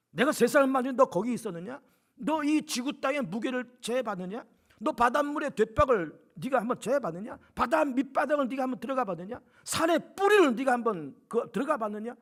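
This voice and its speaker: A man's voice: very high-pitched, fairly bright tone, heavily acted. A man voicing a stern male God who scolds with a string of challenging questions.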